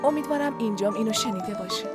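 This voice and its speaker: A young woman, dubbed by an actress, confides in her older sister in a frank, earnest way. Her voice sits high. Drama score music plays underneath. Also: animated, close to an everyday voice. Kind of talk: Persian dub of a TV drama.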